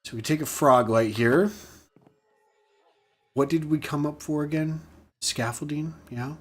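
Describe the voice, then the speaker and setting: A man's voice: fairly high pitch, a little slow, slightly rough. A man hosting a gaming channel, giving casual, goofy gameplay commentary as he plays. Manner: chatty, goofy and self-mocking.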